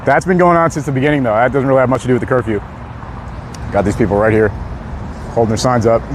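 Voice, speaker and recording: A young man chatting casually on a live stream outdoors on a city street, laid-back and quick to laugh as he reads out chat messages. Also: medium pitch, steady tone. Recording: faint street noise outdoors.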